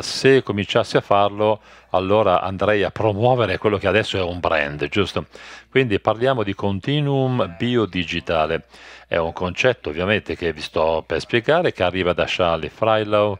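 Very deep-voiced male interpreter, close and dry. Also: normal speed, dry recording. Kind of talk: simultaneous interpretation of a stage talk.

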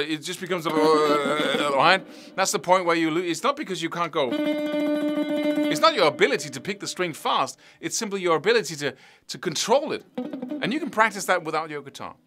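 A man's voice: a little high, sharp tone. A middle-aged man giving a casual spoken guitar lesson, looping back and restarting his sentences and scatting rhythms as "da da da.". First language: Danish. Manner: loose, repeats words and restarts, scats rhythms as "da da da". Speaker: guitar teacher.

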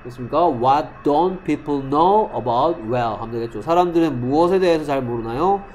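A male English teacher in a classroom, quizzing students by name and slowly repeating English example sentences. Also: fairly high pitch, expressive, darkish tone, slight background noise. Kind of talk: classroom lesson.

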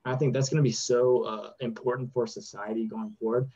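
A man's voice: mid-range voice, brisk, slightly rough. A man in his twenties, a guest on a video-call interview, talking loosely with many fillers. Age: 20s. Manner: relaxed, lots of "like" and "you know". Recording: dull lo-fi video-call audio.

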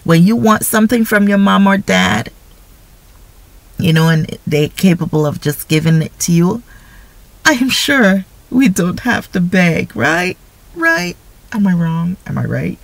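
Woman, devotional speaker, unhurried delivery, dry close sound, chatty and asks "right?" a lot. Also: lowish voice, expressive, gravelly, no echo, rough recording. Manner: conversational, often asks listeners "right?". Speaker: faith speaker. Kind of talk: informal devotional teaching.

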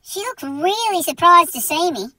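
A man's voice: very high-pitched, animated, bright, forceful tone, dry recording, studio quality, full character voice. A man playing a naive, innocent young man in a comedy skit, earnest and gushing. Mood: awed. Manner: earnest, gushing, slow wide-eyed delivery. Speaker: comedy sketch character.

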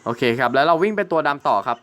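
A young man with a bright, somewhat high voice talks his way through a game session for his channel. He chats casually with viewers, then bursts into exclamations and curses when the fight turns. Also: lively intonation, racing, smooth. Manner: chatty, swears and exclaims at the game. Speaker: gaming channel host. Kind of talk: casual gameplay commentary.

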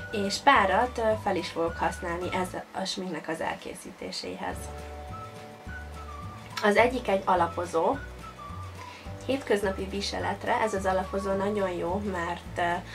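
A young woman explains her makeup steps straight to the camera in a friendly, instructive tone. Her pitch sits in an ordinary middle range. Clear background music plays under her voice. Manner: friendly, instructive, addressing viewers directly. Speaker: beauty vlogger. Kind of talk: makeup tutorial talk. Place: small bright indoor room.

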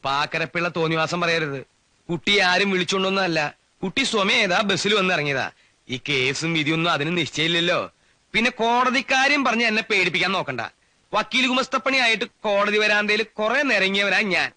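Film comedy: taunting ex-law clerk, sarcastic and defiant; high, bright, dry delivery. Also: male voice, fairly quick, no room sound. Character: mocking quarrelsome middle-aged man, former law clerk.

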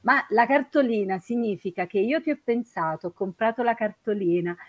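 A woman with an Italian accent, hosting a casual chat and talking in a chatty, halting way with many fillers. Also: fairly high pitch, dry recording. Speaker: host.

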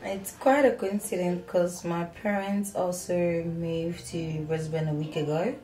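A woman's voice: lowish voice, steady tone, measured pace, dark tone, natural voice. An actress playing a sassy young woman who teases and is easily exasperated, in a film drama. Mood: affectionate. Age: young adult. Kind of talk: film acting. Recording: roomy, distant mic, faint music.

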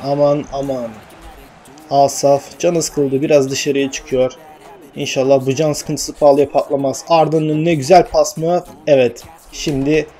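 A young man commentating his own football video game, urging his players on and shouting when chances come. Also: on the high side. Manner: excitable, shouts at players, mutters to himself. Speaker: gaming channel host. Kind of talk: live gameplay commentary.

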